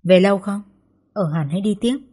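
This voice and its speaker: A woman's voice: medium pitch, normal speed, breathy edge, natural voice. A woman voicing a brash, blunt young mother. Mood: curious. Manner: loud, blunt, swears casually. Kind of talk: audiobook character dialogue.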